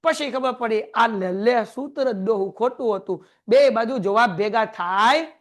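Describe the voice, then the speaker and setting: A man teaching a class, lively and joking as he quizzes his students. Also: very high voice, unhurried. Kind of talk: classroom lecture.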